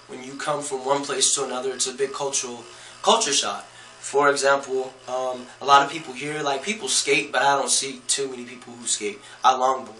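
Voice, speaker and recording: A man's voice: medium pitch, sharp tone, slight background noise. A man from California with a Californian accent, talking in a casual, slangy vlog full of fillers. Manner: laid-back, slangy, many fillers. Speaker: vlogger. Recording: roomy echoey room.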